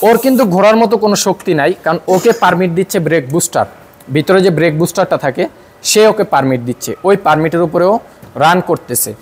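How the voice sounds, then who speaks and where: Fairly high-voiced Bangladeshi mechanic explaining. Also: male voice, quick pace. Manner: explanatory, many filler sounds. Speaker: car mechanic. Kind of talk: workshop demonstration. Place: car repair workshop.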